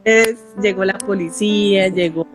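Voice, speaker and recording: Over music, a woman with a Colombian Spanish accent gives an emotional personal testimony in an interview. Her mid-range voice stays steady in tone, though she halts and repeats phrases as she speaks.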